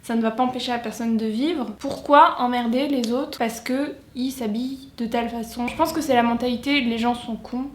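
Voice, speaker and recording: Chatty high-voiced French young woman. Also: steady tone, brisk, few pauses, roomy sound, a little hiss or hum. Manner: chatty, thinks aloud, hesitant. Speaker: music video reactor. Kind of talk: casual reaction and translation.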